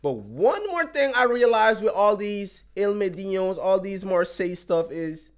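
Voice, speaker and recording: Animated American reaction host, high lively voice. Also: male voice, unhurried. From United States. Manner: animated, exclaiming, slangy. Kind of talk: casual reaction commentary.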